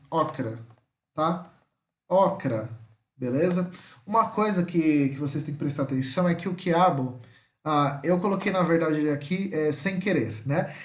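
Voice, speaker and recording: Brazilian male teacher, slightly high voice, patient, repeats words, echoey room. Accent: Brazilian Portuguese. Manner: patient, repeats each word slowly, checks with "tá?". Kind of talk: slide-based language lesson.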